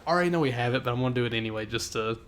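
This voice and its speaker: Speaking rapid-fire in a medium-pitched voice over soft background music, a young man streams a game live. He's chatty, reads out viewer messages, and keeps correcting himself as he rambles, sneezing here and there today.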